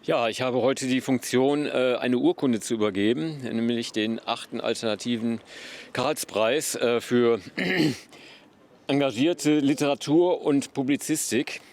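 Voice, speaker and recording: Man, mid-pitched, halting delivery, lots of fillers. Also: darkish tone. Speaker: interviewee presenting an award. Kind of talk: street interview.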